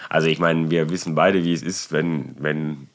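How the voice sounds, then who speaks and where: A man telling a work story in casual chat, animated and exasperated, with many restarts and tag questions. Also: extremely low pitch, moderate pace.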